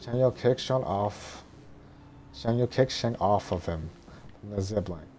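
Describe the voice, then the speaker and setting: Male script reader, low and dark, monotone droning delivery, halting, slightly noisy recording. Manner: halting, stumbling over words. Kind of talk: scripted narration, reading a film script.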